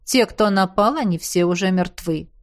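A woman reading an audiobook, voicing a calm, stern male highlander warrior who answers curtly and without hurry. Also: natural voice. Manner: curt and unhurried.

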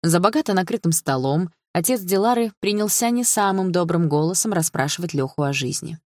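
A man's voice: high voice, expressive, brisk, darkish tone, no echo. Male audiobook narrator, dry close sound.

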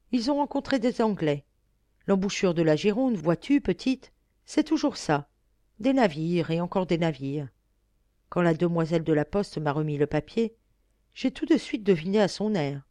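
Lady doing a giddy old dad yelling good news, warm low voice, up high when excited. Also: normal speed, no echo, natural voice. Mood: overjoyed. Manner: excited, exclaiming. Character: joyful old father, tearful with relief.

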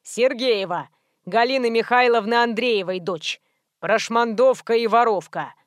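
A woman putting on a gruff old watchman. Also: on the high side, dry recording, clean studio sound, natural voice. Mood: scornful. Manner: gruff, barking, slow. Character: rude half-blind old male guard.

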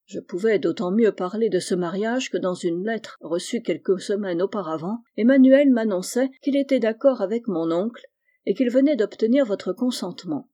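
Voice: medium pitch, dark tone, natural voice. Reader voicing an earnest, troubled young man. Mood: measured. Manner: earnest, deliberate. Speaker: character in a novel reading. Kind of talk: dramatic audiobook reading.

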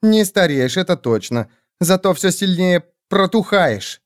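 A man's voice: sits high, animated, a little slow, dry recording, studio quality, pitched above the performer's own voice. A man voicing a haughty, jealous queen with a cold, cutting way of talking.

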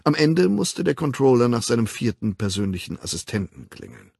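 A male audiobook narrator reads with expressive storytelling and lively, varied melody. His voice is gravelly and slightly husky, recorded close and dry with no room sound. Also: mid-range voice, brisk, no room sound. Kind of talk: scripted narration.

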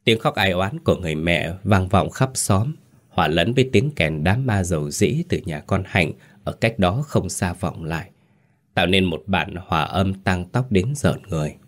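A man's voice: low-pitched, animated, normal speed. A man narrating a ghost story in a dramatic, suspenseful reading.

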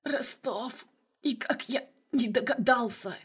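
A woman's voice: fairly high pitch, slow pace, slightly rough, voice pushed up, full character voice. A woman voicing a fat, wounded male gangster boss who coughs and begs for his life. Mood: groaning. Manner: coughing, pleading, strained.

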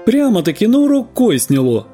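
A man voicing a flattering peasant woman of about thirty in a sing-song, fawning manner. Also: medium pitch, moderate pace, soft background music, voice pushed up, lightly acted. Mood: pleading.

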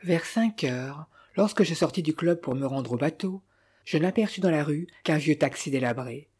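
Reader doing an easygoing young rich guy, teasing, kinda husky. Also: mid-range voice, lively intonation, normal speed, darkish tone. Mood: recounting. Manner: cheerful, teasing, casually recounting. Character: breezy young man, idle heir, cheerful.

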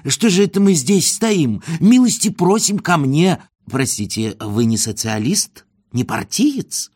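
A man voicing a fussy, tearful old man with sideburns, speaking in a slow, quavering whine. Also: fairly high pitch, sing-song, creaky, a little mellow, dry recording, clean studio sound, pitched above the performer's own voice, heavily acted. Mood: flustered. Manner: whining, drawn-out quavering delivery.

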